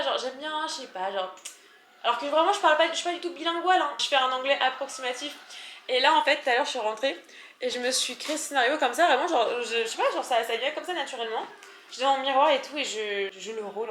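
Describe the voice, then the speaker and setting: A woman's voice: on the high side, fairly bright tone, slight background noise. A young woman from France vlogging casually at home, rambling and poking fun at herself, full of fillers. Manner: rambling, self-mocking, full of fillers like genre and en fait. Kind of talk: casual chatty vlog. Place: bathroom at home. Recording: echoey bathroom.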